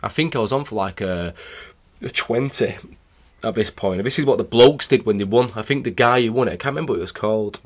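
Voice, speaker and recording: Brit guy, 30s, coach, solo podcast, animated storytelling, acts out the back-and-forth. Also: on the low side, fast. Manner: animated storytelling, acting out remembered exchanges. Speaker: cycling coach.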